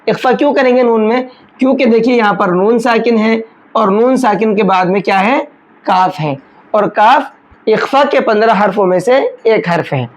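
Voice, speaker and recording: A woman teaching Quran tajweed step by step, patiently explaining letters and chanting verses slowly. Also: fairly high pitch, low-quality recording. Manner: slow, patient explanations with drawn-out chanted recitation. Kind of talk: step-by-step recitation lesson.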